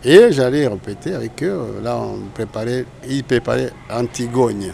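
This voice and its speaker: A man's voice: mid-range voice, moderate pace, creaky, a little mellow, slight background noise. An older man from Congo, a guest in an interview, telling his story in a rambling way and often correcting himself. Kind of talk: casual interview recollection.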